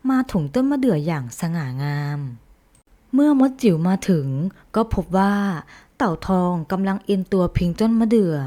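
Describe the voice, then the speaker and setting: A woman narrating bedtime stories in a slow, soothing way. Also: medium pitch, expressive, mellow. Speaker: storyteller.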